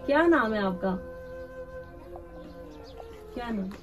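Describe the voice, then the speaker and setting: Woman, charity vlogger; gentle, coaxing delivery, a touch high-pitched; music bed behind. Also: lively intonation, slow. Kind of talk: emotional charity vlog, talking to camera and to children. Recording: music playing underneath.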